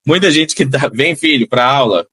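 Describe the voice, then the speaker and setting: A Brazilian man giving an English lesson at a mid pitch, repeating words and phrases slowly and carefully to model their sound. He breaks in with upbeat encouragement for his students. The recording is dry and close, with almost no room sound. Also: sharp tone, slightly rough, no room sound. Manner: encouraging, motivational asides to students. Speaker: English teacher.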